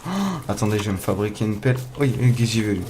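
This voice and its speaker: A young man giving casual let's play commentary, excitable, swearing often, talking to his viewers, with loud startled outbursts. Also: fairly low pitch, fast. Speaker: gamer playing a survival game. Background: faint game music.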